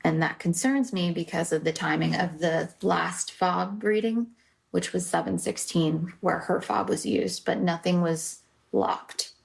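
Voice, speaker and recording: Gravelly-voiced woman giving a report. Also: on the low side, fairly even intonation, a little slow. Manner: matter-of-fact, detailed. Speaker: apartment manager. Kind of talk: report to police.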